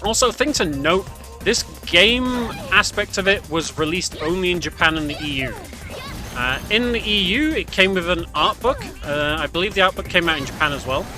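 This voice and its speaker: Over game music and sound effects, a man comments casually on his speedrun, hesitating slightly and frequently correcting himself. He sits high in pitch and speaks expressively at normal speed.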